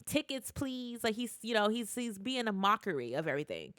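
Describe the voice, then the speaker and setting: Recapping a TV show in a casual vlog, this woman talks fast in a mid-range voice. The studio sound is clean with no room noise, and her animated retelling is full of acted quotes, fillers and restarts.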